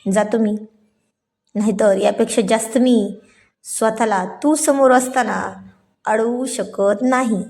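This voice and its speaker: A woman's voice: fairly high pitch, slow, gravelly, pauses often, darkish tone. A woman voicing a playful, teasing young husband in a spoken story.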